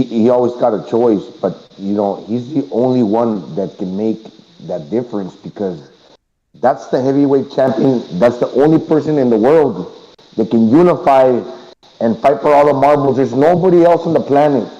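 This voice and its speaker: Male sports talker, muffled as if through a wall, dark lo-fi speakerphone sound. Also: medium pitch, moderate pace. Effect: muffled, as if heard through a wall. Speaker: remote co-host on a call-in boxing show. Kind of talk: casual sports debate. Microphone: phone on speaker or remote line. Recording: muffled lo-fi remote line.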